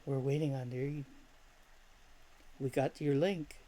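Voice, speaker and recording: A host of an online group call talking casually, halting and unhurried, with many pauses and restarts. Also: mid-range voice, fairly even intonation, very noisy.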